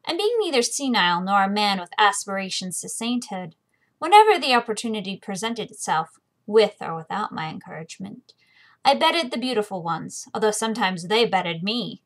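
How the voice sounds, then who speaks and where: An American woman hosts a book reading video series, chatting casually like a vlogger before reading a novel aloud. Her informal, conversational voice is medium-pitched and sing-song, a bit bright, at a normal speed.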